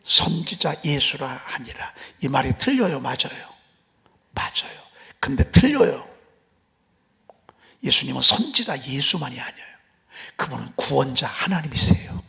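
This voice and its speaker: A man preaching an early-morning sermon in a church, impassioned, moving between loud cries and hushed whispers. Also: mid-range voice, big pitch swings, measured pace, creaky. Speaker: pastor. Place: church sanctuary.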